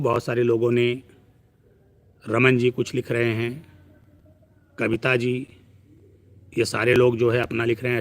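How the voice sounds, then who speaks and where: A man giving a preachy live-stream astrology talk who piles up long lists of words. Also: mid-range voice.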